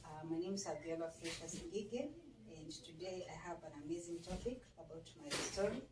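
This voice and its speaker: A woman hosting her channel and telling her own story in a reflective, softly spoken, casual way. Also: lowish voice. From Kenya, Nairobi. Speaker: channel host, interviewee. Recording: echoey room, mic at a distance, faint noise.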